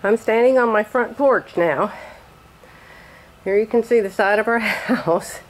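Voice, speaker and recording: A woman's voice: fairly high pitch, measured pace. An older woman narrating a casual vlog, chatty and exclaiming often, laughing as she films outdoors at a building site. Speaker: vlogger. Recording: outdoor camera audio with noise.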